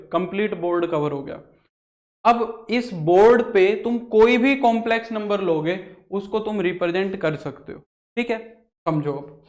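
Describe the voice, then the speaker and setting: Young male maths tutor, high voice, repetitive board lecture full of questions he answers himself. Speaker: maths teacher.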